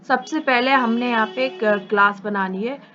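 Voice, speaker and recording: Brisk, bright-voiced woman teacher. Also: on the high side, soft background music. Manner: brisk, reassuring, mixes English terms into Hindi. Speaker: programming teacher. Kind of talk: casual classroom lecture. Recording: dull lo-fi recording.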